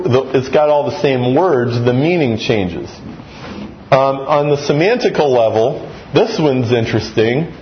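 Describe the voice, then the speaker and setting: A man in his thirties giving a classroom lecture, animated and acting out example sentences with varied inflection. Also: a little high. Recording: dull, slightly muffled recording with faint room noise.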